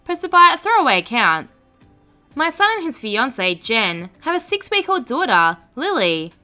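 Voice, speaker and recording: A woman narrator reading online stories aloud and adding sarcastic, expressive commentary. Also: on the high side, moderate pace, faint music behind.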